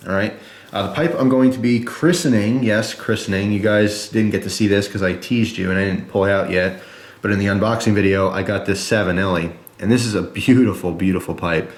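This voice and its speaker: A man with a low-pitched, reverberant voice chats casually with viewers in a review video, explaining step by step as he demonstrates a product.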